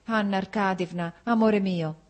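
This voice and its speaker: A woman reading aloud voices an old nurse, emotional and deeply fond of her mistress. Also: steady tone, unhurried, natural voice. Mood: tearful fondness.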